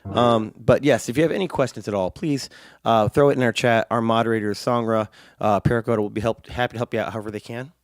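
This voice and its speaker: A man with a congested, hoarse smoker's rasp, hosting a live stream in a chatty, rambling, playful way. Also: mid-range voice, fast talker, no room sound, studio quality. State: congested from a sinus infection, coughing. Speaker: live stream show host and piano player.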